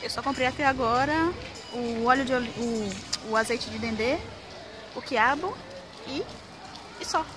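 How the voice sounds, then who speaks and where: Music plays behind a young Salvador vlogger with a Bahian Brazilian Portuguese accent as she talks casually to a camera held at arm's length. Her voice is on the high side, unhurried and broken by long pauses, and the handheld recording, made at home and on city streets, is noisy with ambient sound.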